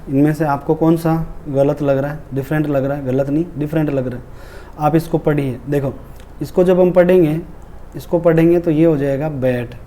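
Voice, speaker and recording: A man's voice: fairly high pitch, dark tone, slight background noise. A male English teacher giving a lesson on an exam paper, explaining each answer step by step and repeating key words for emphasis.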